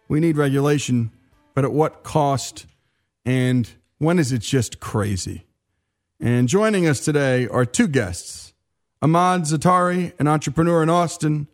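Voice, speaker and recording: Brisk male radio host. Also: on the high side. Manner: brisk, conversational, emphatic. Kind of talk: radio talk show hosting.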